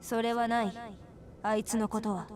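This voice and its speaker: A woman voicing a cold, ruthless teenage girl in a game, speaking with flat contempt. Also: fairly high pitch, fast, over music, lightly acted.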